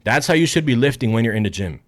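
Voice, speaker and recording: This fitness vlog features a young man addressing the camera directly in a fast, sing-song, mid-range voice. He's blunt and pumped up, curses freely, and is a bit out of breath.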